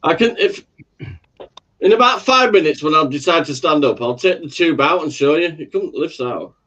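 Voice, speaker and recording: A man banters casually on a live stream. His voice sits a bit high, and the sound is slightly muffled. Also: lively intonation, normal speed, a bit bright.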